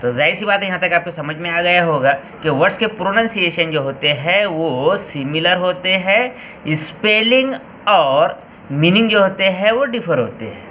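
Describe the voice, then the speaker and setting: A male teacher with an Indian accent explaining English words in a Hindi-Urdu lesson, slowly repeating each point and spelling words out letter by letter. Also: high voice, bright, forceful tone, a little hiss or hum, poor audio. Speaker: school teacher.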